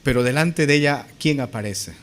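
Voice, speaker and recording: A man's voice: medium pitch, moderate pace, a bit bright. A male pastor preaching a sermon, emphatic and fond of rhetorical questions to the congregation, whom he calls brothers. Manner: addresses listeners as brothers.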